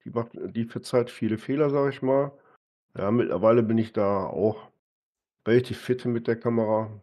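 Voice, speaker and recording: This man talks casually while gaming on a live stream with a partner, habitually ending phrases with brief tag questions. His voice is warm, medium in pitch, and delivered at a normal speed.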